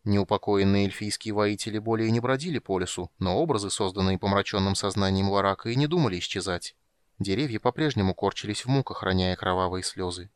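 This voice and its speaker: A man reading a fantasy audiobook in measured, scripted narration. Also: lowish voice, smooth, no room sound.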